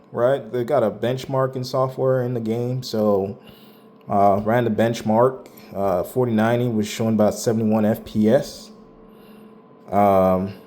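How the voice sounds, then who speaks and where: A man's voice: on the low side, a little mellow, a little hiss or hum. A man casually walking through his own hardware benchmark results, talking in a loose, rambling way with slang and some swearing. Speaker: tech channel host.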